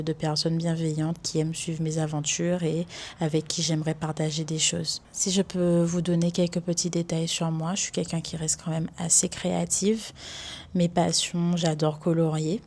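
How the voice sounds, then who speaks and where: A young woman from Guadeloupe introduces herself in her first vlog, speaking in a low, darkish voice. She's chatty and enthusiastic, with casual fillers, and talks into a microphone in front of the camera.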